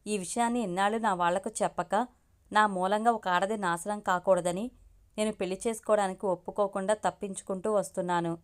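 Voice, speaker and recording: A woman's voice: medium pitch, fairly even intonation, brisk, smooth. A woman reading a story aloud as the channel's storyteller, narrating steadily in the first person.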